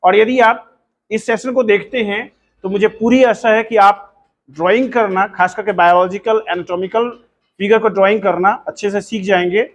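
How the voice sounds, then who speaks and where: A man, a coaching center teacher and channel host, giving a formal, measured welcome. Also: sits high, steady tone, dull audio.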